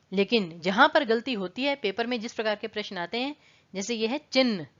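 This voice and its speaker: A woman's voice: fairly high pitch, lo-fi sound. A woman teaching an online exam-prep lesson, explaining patiently and repeating words to contrast their pronunciation. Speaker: Hindi teacher.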